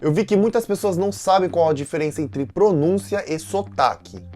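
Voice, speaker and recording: A Korean teacher who runs his own channel gives a casual language lesson, speaking straight to his viewers in a chatty, direct way with a Brazilian Portuguese accent. His voice is high with a darkish tone at normal speed, and faint music plays behind him.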